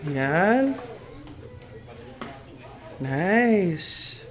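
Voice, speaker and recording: Unhurried chatty woman vlogger. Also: fairly low pitch, big pitch swings. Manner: chatty, exclaiming tour guide. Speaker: family vlogger. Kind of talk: casual walk-through vlog. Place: beach resort house, indoors and out.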